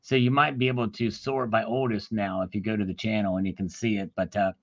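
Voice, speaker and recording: Gravelly bright-voiced man, hesitant. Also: fairly low pitch, level tone, a little fast, dry recording, muffled recording. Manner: hesitant, stops to search for words. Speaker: guest YouTuber. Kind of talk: casual livestream chat.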